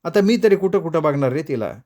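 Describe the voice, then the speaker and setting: A man's voice: fairly high pitch, lively intonation, fast talker, a little mellow, voice pushed up, close to an everyday voice. Man as older village woman, rustic, plain-spoken, storybook. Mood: worried.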